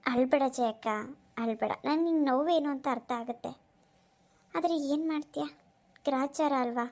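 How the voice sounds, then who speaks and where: A woman's voice: high voice, moderate pace, darkish tone. A woman voicing an outspoken village woman in a cartoon who lectures and scolds emphatically while standing up for her friend. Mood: earnest. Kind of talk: cartoon voice acting.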